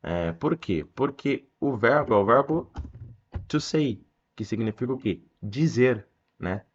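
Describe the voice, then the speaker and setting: A man with a Brazilian accent teaching English, explaining a text line by line and reading the English sentences slowly. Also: medium pitch, lively intonation, lo-fi sound. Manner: slows down to read English sentences aloud.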